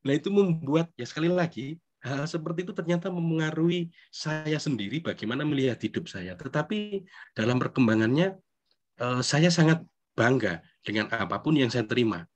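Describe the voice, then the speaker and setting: A middle-aged man from Indonesia, speaking as a priest at a recollection gathering. He talks in a conversational, self-deprecating way and keeps adding friendly tag questions. His pitch sits in an ordinary middle range. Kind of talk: recollection talk. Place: church hall.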